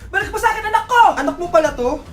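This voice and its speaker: A woman performing comedic skits, switching between characters with animated, often shouting delivery. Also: extremely high pitch, very fast, very noisy. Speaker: comedy skit creator.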